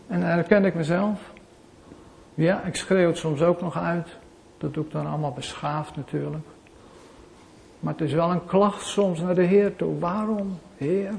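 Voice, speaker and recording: A man preaching a sermon to a congregation, swinging between loud declarations and quiet asides, returning again and again to a repeated rhetorical question. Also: sits high, gravelly. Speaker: pastor.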